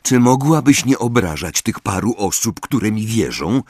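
A man's voice: fairly low pitch, lively intonation, measured pace, a little mellow, slightly rough, dry recording, studio quality, voice pushed up. A man voicing a weary teenage wizard boy in an audiobook, muttering in a grumbling way. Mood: reproachful.

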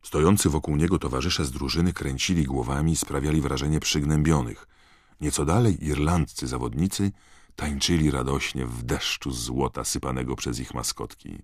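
A man reading a novel aloud in steady, measured narration. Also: extremely low pitch, no room sound, studio quality. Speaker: audiobook narrator. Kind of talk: scripted narration.

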